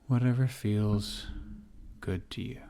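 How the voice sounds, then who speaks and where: In a deep, mellow voice with soft edges, a man leads a guided meditation, a body scan for relaxation. He talks very slowly and gently in short phrases and keeps a steady tone. Each instruction is followed by a long, soothing pause.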